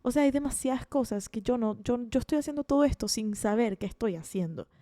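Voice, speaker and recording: Venezuelan girl in her 20s podcasting, warm soft tone, dry sound, restarts a lot. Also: on the high side, brisk, no room sound. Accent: Venezuelan Spanish. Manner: chatty, self-deprecating, frequent restarts and laughs. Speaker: podcast host. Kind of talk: casual monologue.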